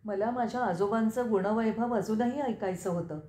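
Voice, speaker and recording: A woman's voice: fairly high pitch, moderate pace, dark tone, slight background noise, close to an everyday voice. A woman voicing a young king in a storybook reading, speaking with earnest sorrow, recorded in an echoey room. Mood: sorrowful. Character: grieving young king, man.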